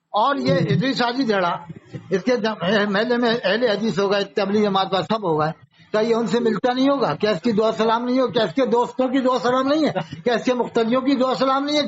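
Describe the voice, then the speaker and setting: A man from India gives a polemical religious talk, arguing and firing off rhetorical questions. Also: very high voice. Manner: argumentative, fires off rhetorical questions. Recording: dull lo-fi audio.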